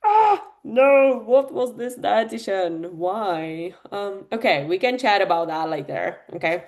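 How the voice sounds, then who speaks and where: Her voice medium-pitched, sing-song and a little mellow, a Czech woman gives a live online masterclass on fitness and nutrition at a measured pace over a video call. She keeps it chatty, talks straight to the audience, and fills it with fillers.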